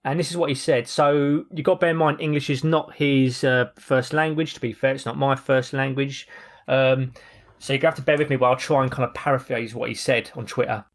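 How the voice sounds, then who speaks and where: A man's voice: medium pitch, steady tone, a little fast. A man on a podcast clip reading out and paraphrasing a post, adding wry asides between the quotes. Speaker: podcast host.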